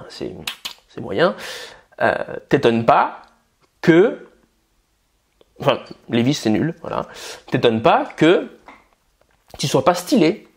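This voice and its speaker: A male coach from France talks to the camera in a loose, conversational way, blunt and a little crude, often calling the listener buddy. His pitch is mid-range for a man but swings widely and expressively from phrase to phrase. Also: gravelly. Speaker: dating and style coach. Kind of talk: casual direct-to-camera advice.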